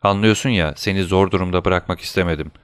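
A man reading aloud as a frail, poor old father, soft and reassuring to his son. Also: sits low, fast, smooth, no room sound, clean studio sound, natural voice. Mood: gentle.

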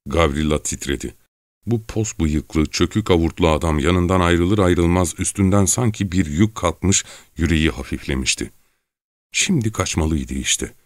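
Deep-voiced male audiobook narrator. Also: dry recording.

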